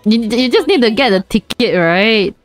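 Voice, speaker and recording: A woman's voice: on the high side, animated, moderate pace, soft background music. A young woman with a Chinese accent, a streamer chatting casually and playfully while she plays, giggling and repeating words in bursts. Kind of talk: casual gaming chat.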